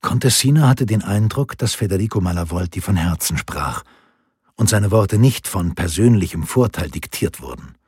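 Brief: male audiobook narrator, steady and measured, very raspy timbre. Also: low voice, no echo, clean studio sound.

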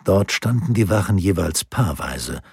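A man reading an audiobook in a steady, measured storytelling voice. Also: sits low, creaky, husky, no room sound, studio quality. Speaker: narrator. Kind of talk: audiobook narration.

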